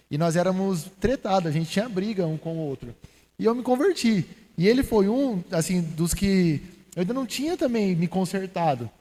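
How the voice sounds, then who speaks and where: A man telling a lively personal testimony in a church podcast, speaking to the listeners as brothers. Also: sits high. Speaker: church member giving testimony. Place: church hall. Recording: reverberant church hall.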